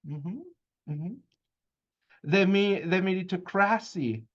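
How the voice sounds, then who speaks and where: A man in an academic discussion on counseling practice. He lectures earnestly and pauses often with hesitations. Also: high voice, a bit bright. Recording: dull lo-fi audio.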